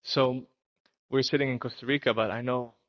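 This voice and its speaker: Speaking from home in Costa Rica, this podcast host runs a casual interview with earnest enthusiasm, frequently offering a hmm of agreement as his guest speaks. His medium-pitched voice holds a steady tone at a moderate pace, and the audio is dull with no room sound.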